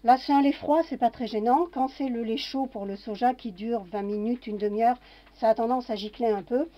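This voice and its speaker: A woman's voice: fairly high pitch, fairly even intonation, normal speed, dark tone. A woman casually talking through a kitchen demonstration, narrating each step with little fillers. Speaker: home cooking vlogger. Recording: dull lo-fi home recording.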